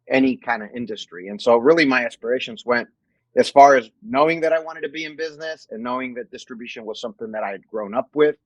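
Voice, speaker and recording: A man around forty from Mexico, a guest in an interview, answering in a measured way and restarting phrases as he thinks. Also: mid-range voice, no room sound, dull audio. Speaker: guest, company executive. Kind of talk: casual interview.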